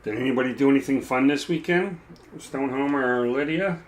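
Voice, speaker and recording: A man chatting casually while he paints a miniature, rambling and self-deprecating, with a dry, froggy throat that he keeps clearing. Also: medium pitch, a little fast. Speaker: mini painting streamer.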